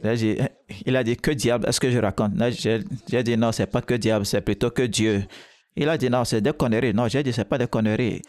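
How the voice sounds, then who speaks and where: A man's voice: medium pitch, steady tone, brisk, a little mellow, dry recording. A man preaching a sermon, emphatic and exhorting, with short repeated calls to the listeners.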